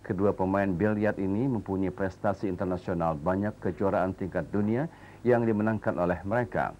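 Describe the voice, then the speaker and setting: Very deep-voiced Indonesian male news anchor. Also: a little fast, darkish tone, highs cut off. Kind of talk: formal scripted news reading. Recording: noisy old TV broadcast recording.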